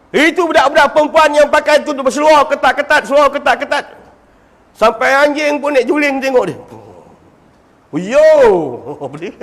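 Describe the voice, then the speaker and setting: A middle-aged man giving a humorous religious lecture, acting out scenes with mimicry and sound effects and bursting into shouts for emphasis. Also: very high-pitched. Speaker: religious teacher.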